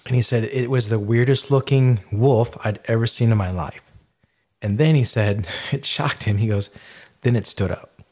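A man's voice: medium pitch, moderate pace, a little mellow. A man hosting a podcast, casually retelling eyewitness stories in a rambling way, with lots of fillers and restarts. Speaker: podcast host.

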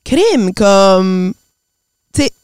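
A woman's voice: medium pitch, big pitch swings, a little mellow, clean tone, no echo. Québécois woman podcast co-host, casual and reactive, dry close sound. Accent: Québécois French. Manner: quick reactions, English exclamations mixed into French. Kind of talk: casual chat.

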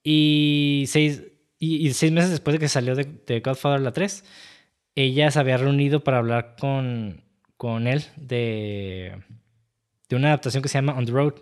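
A man with a Mexican Spanish accent chatting casually about movies on a podcast, relaxed and slangy as he recounts film trivia. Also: medium pitch, moderate pace, smooth.

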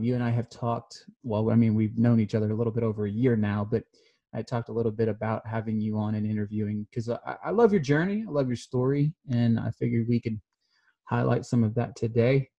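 A man's voice: mid-range voice, normal speed, creaky, muffled recording. A man hosting a podcast, talking in a friendly, rambling way as he interviews a guest. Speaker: podcast host. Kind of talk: casual interview chat.

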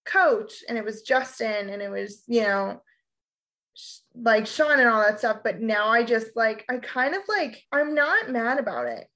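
Woman, podcast co-host, casual chat, sarcastic, high voice. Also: unhurried. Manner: sarcastic, animated, swears freely.

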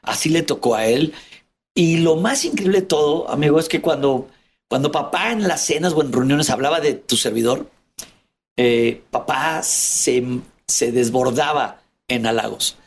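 A man's voice: on the high side, unhurried. A middle-aged Mexican man candidly telling his childhood story as an interview guest, vividly acting out how his family talked. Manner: animated, acts out family members' voices, calls host "amigo".

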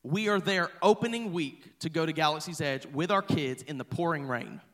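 A man's voice: on the high side, normal speed, fairly bright tone. Chatty, playful man preaching. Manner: chatty and playful, talks to the congregation. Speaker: pastor. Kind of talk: sermon storytelling. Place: church hall.

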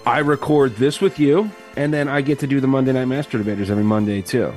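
A man's voice: mid-range voice, fast talker, a little mellow, soft background music. A man co-hosting a podcast in casual, crude banter, rambling and swearing with lots of fillers. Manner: profane, rambling, with many fillers. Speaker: podcast co-host.

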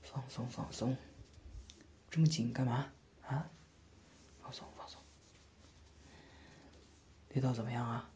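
A man voicing a gentle, doting older brother who comforts and teases softly in a whispered role-play. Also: mid-range voice, fairly even intonation, slow pace, pauses often, slight background noise, lightly acted. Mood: soothing. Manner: soft, soothing, coaxing, lightly teasing. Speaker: older brother tending a sister's wound.

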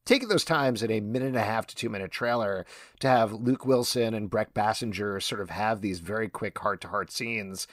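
A man's voice: on the low side, brisk, no room sound. Man, podcast host, casual panel chat, dry close sound, steers the talk. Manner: guides the discussion, asks the panel questions.

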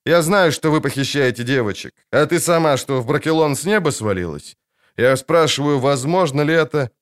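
A man reads a gruff, sarcastic monster hunter who loses patience quickly, using something close to his everyday voice but pushed up. His delivery is on the high side and expressive, rising and falling as he swings from mocking to sharp.

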